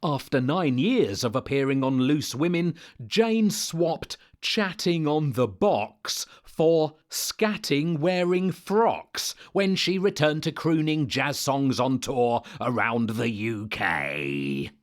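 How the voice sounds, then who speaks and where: A man reading scripted comic narration in a deadpan, pun-heavy delivery. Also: medium pitch, slow pace, hardly any pauses. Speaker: satirical narrator.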